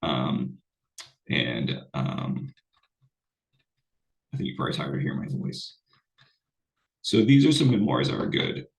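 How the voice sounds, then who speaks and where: A man's voice: a bass voice, huge pitch swings, a little slow, creaky, pauses often. A man, a college English instructor, giving a casual recorded online lecture while unwell, rambling with fillers and restarts. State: unwell, voice sounds off.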